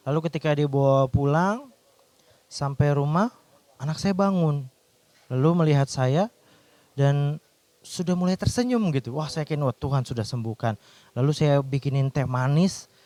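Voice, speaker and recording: A man's voice: on the high side, a little mellow, no room sound. A man, a doctor, telling a personal faith testimony in an earnest storytelling way, with restarts.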